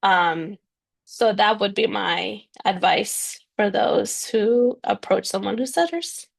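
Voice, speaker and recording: A young woman with a mid-range voice and vocal fry speaks slowly as a guest being interviewed. A bilingual speech-language pathologist, she talks earnestly about stuttering, often using fillers like "um" and "you know."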